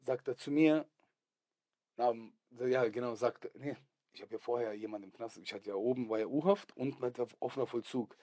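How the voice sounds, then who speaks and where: A young man, originally from Serbia, tells his life story as a podcast guest. He talks in street slang, drops to hushed whispers and then bursts out loudly. His voice sits at an ordinary pitch in a dry, close recording. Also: a little fast, no echo. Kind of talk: animated storytelling in a podcast interview.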